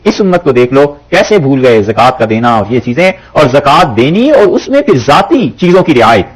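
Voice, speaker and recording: A man's voice: medium pitch, big pitch swings, moderate pace, poor audio. A man teaching a Quran commentary, reciting verses and explaining them in plain talk, with stories and quoted lines along the way.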